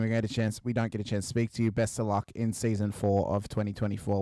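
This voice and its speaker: A man's voice: on the low side, a little mellow, no room sound, clean studio sound. An Australian man interviewing racers as a commentator, chatty and matey, generous with congratulations. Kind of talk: post-race interview.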